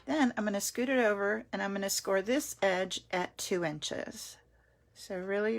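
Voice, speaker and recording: Host: chatty woman, mid pitch, running a friendly live craft class. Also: creaky, a little hiss or hum. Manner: chatty, greets viewers by name. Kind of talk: live online craft tutorial.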